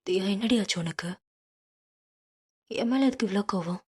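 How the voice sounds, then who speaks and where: Lady doing a bossy rich young guy in an audiobook, blunt and pushy, kinda husky. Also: medium pitch, moderate pace, mellow, lightly acted. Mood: heated, insistent. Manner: blunt, scolding, insistent. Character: young rich man, possessive, hot-tempered lover. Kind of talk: audiobook character reading.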